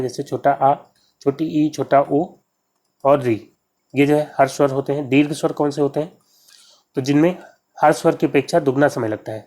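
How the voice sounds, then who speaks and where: A Hindi exam tutor with a medium-pitched, slightly mellow voice teaches exam-prep grammar. He works through practice questions one by one, repeating key terms as he explains.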